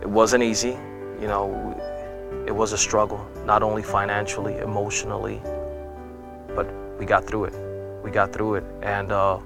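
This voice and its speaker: A man's voice: on the low side, level tone, a little slow, gravelly. A man in his thirties from Puerto Rico, an airman telling his life story in an earnest, reflective way. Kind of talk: personal interview testimony. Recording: music playing underneath.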